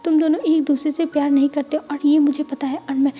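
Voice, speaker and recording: A woman's voice: high voice, flat delivery, a little fast, mellow, faint music behind, close to an everyday voice. A woman voicing an angry, strict middle-aged father who scolds his son in a storybook retelling.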